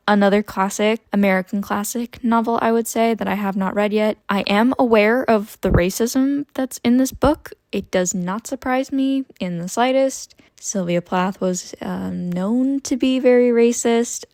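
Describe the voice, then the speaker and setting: A young woman in her twenties chatting casually about her book haul, expressive and prone to tangents. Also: medium pitch, no room sound. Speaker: book vlogger. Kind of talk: casual chat about books.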